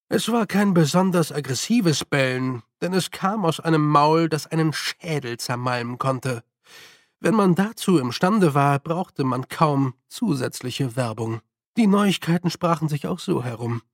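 A man narrating an audiobook in German with measured, wry storytelling. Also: on the high side, dry recording, studio quality.

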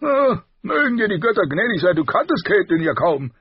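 A man voicing a boisterous, bawdy middle-aged king who talks loudly and heartily. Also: high-pitched, sing-song, normal speed, slightly rough, no room sound, lo-fi sound, pitched above the performer's own voice, full character voice. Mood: teasing. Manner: loud, hearty, laughing, boastful.

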